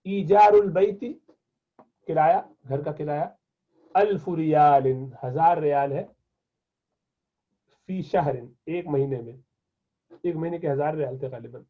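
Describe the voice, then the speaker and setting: Husky-voiced man teaching over tinny audio. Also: on the high side. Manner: reads an Arabic phrase slowly, then translates and explains it. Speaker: Arabic teacher. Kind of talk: classroom lesson explaining Arabic in Urdu. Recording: tinny phone-like lo-fi sound.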